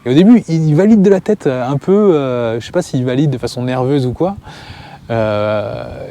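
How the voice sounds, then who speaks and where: A man telling a personal story to camera in a casual way, stopping calmly to give viewers advice. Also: mid-range voice, moderate pace, gravelly. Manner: calm, advice-giving aside to viewers. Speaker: family and parenting vlogger.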